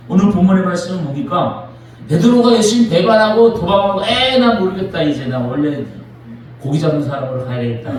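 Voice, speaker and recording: A man, a pastor, preaching a sermon in a church with animated, dramatic storytelling. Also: high-pitched, slight background noise. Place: church sanctuary. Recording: echoey church from a distant mic.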